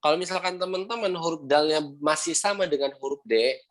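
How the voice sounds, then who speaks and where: A young adult man teaching Quran recitation, patiently repeating sounds slowly and ending phrases with "ya". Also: fairly high pitch, a bit bright. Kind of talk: online class instruction with recitation examples.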